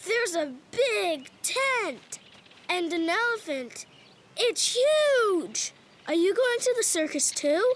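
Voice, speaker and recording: Squeaky cartoon kid, friendly and eager. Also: big pitch swings, slow, a bit bright, slight background noise, heavily acted. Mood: excited. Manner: chatty, childlike. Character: young twin boy, friendly and excited.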